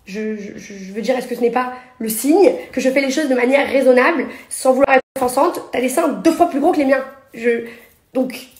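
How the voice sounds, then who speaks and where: A young woman, a reality TV personality, rants sarcastically into her phone at arm's length for a social media story. Her high voice has a darkish tone and comes out indignant and rapid-fire, echoing around the room.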